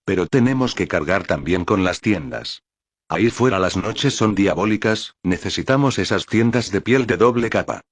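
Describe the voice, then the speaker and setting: An actor playing a rich, philosophical, pipe-smoking Yorkshire man who talks in a calm, folksy way. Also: on the low side, no room sound. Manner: calm, folksy, calls others lad.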